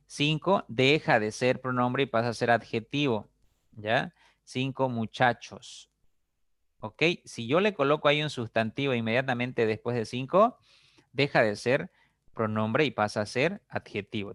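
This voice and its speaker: A man's voice: medium pitch, a bit bright, no room sound. Guy teaching a grammar class, patient, keeps asking "ya?", dry close mic. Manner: explains patiently, checks in with frequent "¿ya?" and "¿no?", repeats examples. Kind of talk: recorded grammar lesson.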